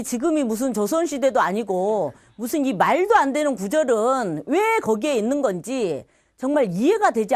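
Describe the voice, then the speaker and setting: A middle-aged woman from Korea giving a personal faith testimony at church, telling her story in a lively way and acting out the voices of others. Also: on the high side, dry recording.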